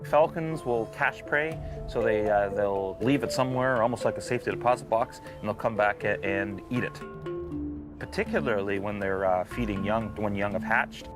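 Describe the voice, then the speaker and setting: A man giving an unscripted expert interview, explaining things informally and a little haltingly. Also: fairly low pitch, over music. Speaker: bird of prey expert interviewee.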